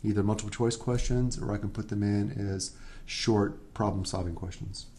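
A man's voice: on the low side, steady tone, normal speed, darkish tone, slight background noise. A man giving a recorded economics lecture, working through problems step by step and often checking in with "right?". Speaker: economics instructor.

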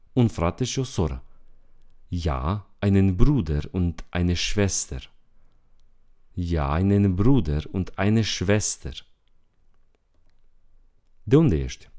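Very deep, slow-spoken male language teacher. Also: a little mellow. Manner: slow, repeats each phrase twice. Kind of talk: bilingual language lesson.

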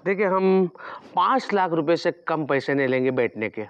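A sly, haggling small-town politician. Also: male voice, a little high, expressive, moderate pace, clean tone, no echo, highs cut off. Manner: wheedling, sly bargaining. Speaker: scheming local candidate haggling over a bribe. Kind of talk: TV sitcom acting. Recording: TV soundtrack with background music.

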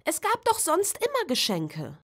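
Woman doing a high, whiny little girl. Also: huge pitch swings, measured pace, a bit bright, exaggerated voice. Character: small girl, curious and eager for presents.

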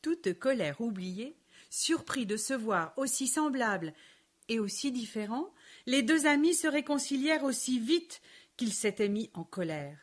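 A woman narrating a children's storybook with a clear, measured, expressive delivery. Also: on the high side.

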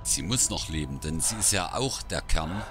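Deep male gamer voice, casual lets play commentary, loud game music behind. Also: animated, moderate pace. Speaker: gaming video host.

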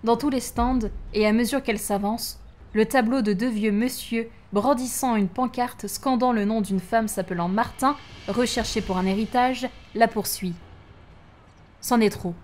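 Expressive woman narrating a story. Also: fairly high pitch, measured pace, slight background noise. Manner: expressive, acting out each line.

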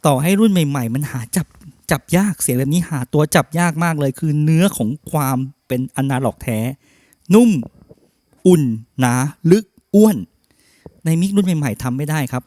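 A middle-aged man selling audio equipment, pitching and demonstrating a mixer in a blunt, opinionated, persuasive way. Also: animated, brisk, darkish tone, dry recording. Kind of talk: sales pitch and product demo.

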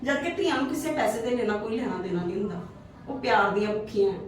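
Woman talking earnest heartfelt advice, high voice, echoey room, mic far off. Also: quick pace, slight background noise. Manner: pleading, then earnest advice. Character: hurt married sister visiting her brother's home. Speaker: channel host and actor. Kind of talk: amateur family skit, then talking to viewers.

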